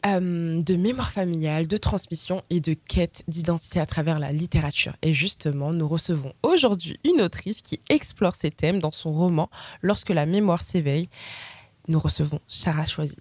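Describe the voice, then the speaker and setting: A woman hosting a radio interview show in a studio, reading measured, scripted introductions. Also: sits low, a little mellow, no room sound.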